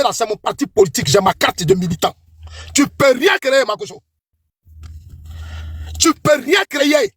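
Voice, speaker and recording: Man, Ivorian French accent, middle-aged, combative accusing rant, very high voice, dry close sound. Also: fairly bright tone, slightly rough, dry recording. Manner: combative, accusing, repeats lines for emphasis. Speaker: political commentator. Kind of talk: heated political tirade.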